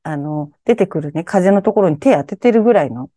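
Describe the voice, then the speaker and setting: A woman's voice: fairly low pitch, animated, fairly quick, dark tone, dry recording, clean studio sound. A woman telling her own strange, eerie experiences in conversation, animatedly acting out her startled reactions.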